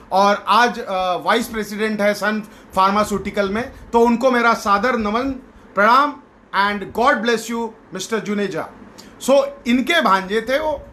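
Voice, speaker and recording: A middle-aged man, a sales trainer, telling a motivational story on a live stream and mixing Hindi with slow, stressed English phrases. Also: extremely high pitch, bright, forceful tone.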